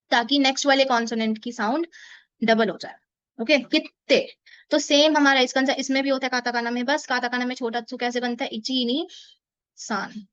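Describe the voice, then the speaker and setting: A woman teaching a beginner language lesson, explaining patiently and repeating words slowly and drawn out. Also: high-pitched, no echo, dull audio. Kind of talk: explaining a beginner lesson in Hindi-English mix.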